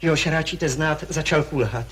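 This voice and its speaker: An actor playing a touchy, hypochondriac young landowner who argues stiffly and formally and complains of heart palpitations, in 1960s television stage acting. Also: male voice, a little high, a bit bright, slight background noise, natural voice. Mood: argumentative. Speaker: anxious suitor in a stage comedy.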